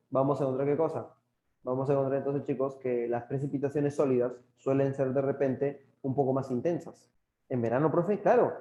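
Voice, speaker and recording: A young man with a Peruvian Spanish accent teaches a live geography class, answering chat with teasing jokes. His voice is slightly high yet dark and mellow. The sound is roomy and dull, like lo-fi stream audio. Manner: jokey, laughs often, talks back to chat. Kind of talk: live online class reading chat questions.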